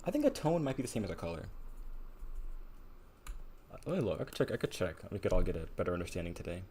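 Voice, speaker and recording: A man's voice: deep voice, very animated, fast, mellow, slight background noise. A man chatting casually on a live stream while he paints, rambling and musing aloud with a self-deprecating manner.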